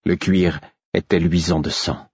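A man narrating a first-person audiobook in a steady, measured way. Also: deep voice, slightly rough, no room sound, lo-fi sound.

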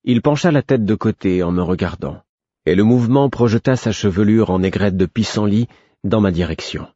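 A man reads a first-person story in a measured, literary audiobook style. His voice sits low and sounds husky. The recording is dry and dull, with no room around it. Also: warm tone, dry recording. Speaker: narrator. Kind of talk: scripted audiobook narration.

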